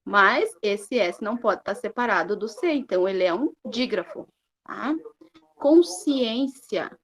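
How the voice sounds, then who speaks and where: On poor audio, a Brazilian teacher speaks in a mid-range, animated, slightly bright voice with a Brazilian Portuguese accent. Her recorded lesson features slow, stretched-out syllables and frequent "né?" and "tá?" check-ins with her students.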